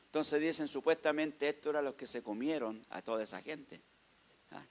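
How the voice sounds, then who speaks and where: A man's voice: a little high, moderate pace. Chilean guy telling a church testimony, chatty, keeps asking the crowd and calling them brother. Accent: Chilean Spanish. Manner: lively storytelling, tags "hermano" and "¿ah?". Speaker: church member giving a testimony. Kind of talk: church testimony narrating photos.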